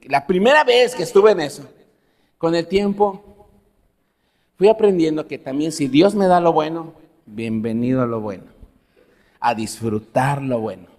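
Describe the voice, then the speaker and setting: A man preaching a sermon as pastor, telling personal stories and asking the congregation questions. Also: a little high. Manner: animated, laughs at own stories, asks the congregation questions. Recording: long hall reverb.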